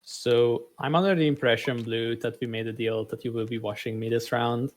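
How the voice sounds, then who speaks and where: A man's voice: mid-range voice, fairly even intonation, normal speed. A man playing an online board game in casual voice chat, easygoing while bargaining over deals.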